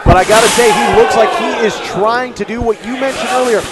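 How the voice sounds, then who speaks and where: A man's voice: extremely high pitch, fairly quick. A man calling live pro wrestling as the lead play-by-play commentator, with dramatic announcer phrasing. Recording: loud crowd behind the voice. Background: noisy live wrestling crowd.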